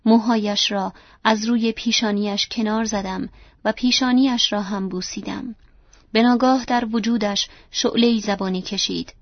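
A woman reading first-person literary narration in a soft, measured way, in a dry, dull lo-fi recording. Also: mid-range voice, fairly even intonation, dry recording. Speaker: audiobook narrator.

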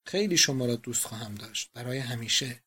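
A man's voice: medium pitch, lively intonation, pushed and bright, slightly rough, pitched below the performer's own voice. A man voicing an affectionate young woman, a daughter, who speaks in a gushing, tender way.

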